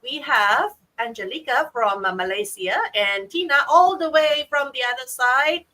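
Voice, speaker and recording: Woman, Singaporean English accent, high voice, bright tone, bubbly live-stream host, video call. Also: animated, normal speed, low-quality recording. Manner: upbeat, bubbly hosting with frequent checks like okay and right. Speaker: livestream host. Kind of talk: live-streamed group chat.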